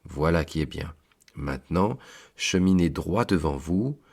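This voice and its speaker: A man voicing Saint Peter as a kindly old keeper of heaven's book, calm and fatherly. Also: a bass voice, a little slow, full character voice.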